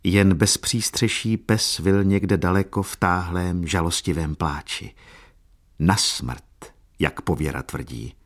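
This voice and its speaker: A man reading a classic novel aloud as narrator, in a slow, solemn and measured way. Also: low voice.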